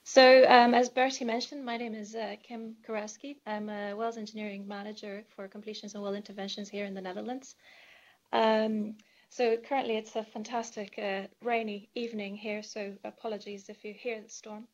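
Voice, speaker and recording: A woman's voice: medium pitch, level tone, normal speed, dull audio. A woman in her thirties from Venezuela, an engineering manager introducing herself over a video call with a hesitant, filler-heavy delivery. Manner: hesitant, many fillers and restarts. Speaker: wells engineering manager presenting remotely. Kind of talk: remote webinar self-introduction. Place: indoors, on a rainy evening. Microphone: video call link.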